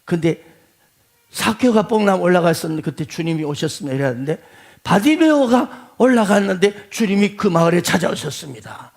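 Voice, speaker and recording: A male pastor preaching a sermon, swinging between quiet asides and shouted pleading. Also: high-pitched, lively intonation, a little fast.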